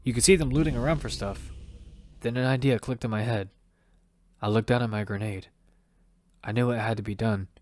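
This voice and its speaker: In an audio drama, a man plays a blunt young survivor of a deadly battle game, gravely narrating his own story in first person. His medium-pitched voice is steady and brisk but pauses often, lightly acted, with a little hiss or hum and loud music behind it.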